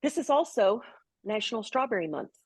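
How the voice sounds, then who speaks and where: A woman's voice: a little high, big pitch swings, a little fast, a little mellow, husky, no room sound. A woman co-hosting a health show, chatting casually and explaining step by step as she prepares a salad. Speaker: co-host. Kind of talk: casual cooking demo chat.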